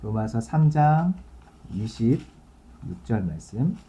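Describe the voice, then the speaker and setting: Very dark-voiced male pastor preaching. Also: medium pitch, very animated, slow, a little hiss or hum. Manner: conversational preaching, reads scripture aloud and explains it. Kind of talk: sermon.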